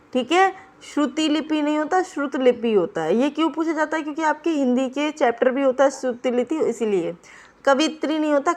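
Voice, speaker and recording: High-voiced woman teaching an exam class. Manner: explains and repeats key words, checking in often. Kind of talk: online exam-prep class.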